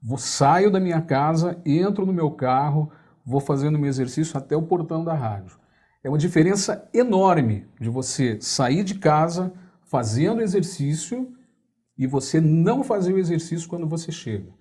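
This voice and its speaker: A man who works as a radio announcer chats easily on a talk show, telling stories about his habits. His voice sits a little high for a man and has a warm, mellow tone. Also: normal speed, breathy edge. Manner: relaxed, anecdotal, some stammered restarts. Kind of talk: casual talk-show chat.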